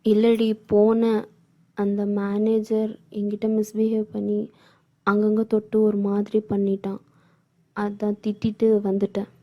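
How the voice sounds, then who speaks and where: An actress playing a young woman office worker facing harassment, who speaks politely at first and then with sharp defiance. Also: mid-range voice, completely flat delivery, unhurried, muffled recording, close to an everyday voice. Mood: subdued.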